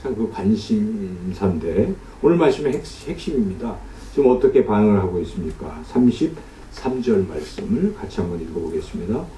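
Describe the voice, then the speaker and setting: Man, pastor, sermon, rhetorical questions, dark mellow voice, roomy echo. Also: fairly low pitch, sing-song, normal speed, hardly any pauses, recorded from a distance. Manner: explains scripture with rhetorical questions to the congregation. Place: church sanctuary.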